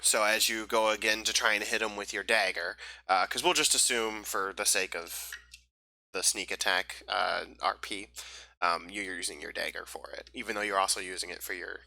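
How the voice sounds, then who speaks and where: A man's voice: lowish voice, fairly even intonation, normal speed, gravelly, bright, forceful tone, dry recording, low-quality recording. A young man running a tabletop game over a voice call, casual and rambling, full of fillers and restarts. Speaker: game master.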